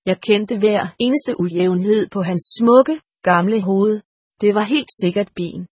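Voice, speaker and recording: Calm woman narrating a story, husky. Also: mid-range voice, no room sound, studio quality. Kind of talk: scripted narration.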